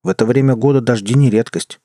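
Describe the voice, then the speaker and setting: A man's voice: medium pitch, quick pace, dark tone, no room sound, clean studio sound, close to an everyday voice. A man voicing a scornful otherworldly male tempter who taunts and warns, in an audiobook. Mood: taunting. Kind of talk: audiobook character voice.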